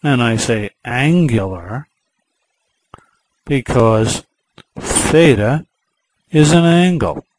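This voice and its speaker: Very slow, patient male math teacher. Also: mid-range voice, animated, darkish tone, a little hiss or hum, rough recording. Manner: patient, repetitive, storytelling explanation. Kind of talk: slow explanatory lesson.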